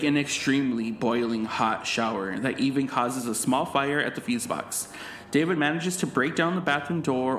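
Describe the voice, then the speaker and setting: A man's voice: mid-range voice, echoey room. Man recapping a horror movie plot. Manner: animated, recaps plot in narration. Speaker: podcast co-host. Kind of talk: casual movie review chat.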